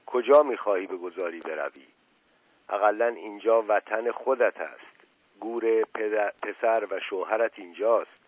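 A man's voice: fairly low pitch, husky, dry recording, poor audio. A man reading the lines of a worried young mother pleading with her family, in a radio story reading. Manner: earnest, pleading.

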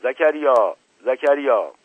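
A blunt, older village headman , put on by a man reading a radio story, pitched a little higher and louder than the narration. The voice has a husky edge. The recording is dull and lo-fi, with dry, close sound. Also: very animated, no echo. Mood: calling out.

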